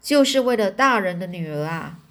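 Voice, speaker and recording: A woman's voice: medium pitch, animated, normal speed, a bit bright, a little hiss or hum. A lovesick young general speaks bitterly, sullen and resentful, as a woman reads his lines in a storybook. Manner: resentful, gloomy.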